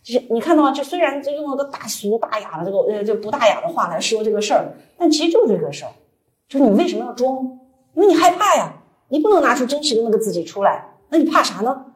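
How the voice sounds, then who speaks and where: A woman's voice: fairly high pitch, sing-song, fast. A woman psychologist and counselor giving a chatty, colloquial live book-club talk full of examples. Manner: chatty, colloquial, acts out clients' voices. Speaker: psychologist and counselor, guest speaker.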